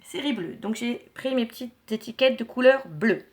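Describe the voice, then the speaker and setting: A woman teacher giving a lesson to young children, encouraging them and pronouncing words slowly and clearly. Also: on the high side, animated. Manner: warm, encouraging, slow and clearly articulated; syllables stretched and repeated for children.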